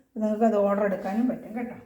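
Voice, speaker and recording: A woman from Kerala, an online clothing seller, chatting through a casual product showcase at home, speaking as loudly as she can and checking in with listeners again and again. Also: mid-range voice, steady tone, rapid-fire, echoey room, dull audio. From Kerala, India. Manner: chatty, reassuring, repeats tag questions.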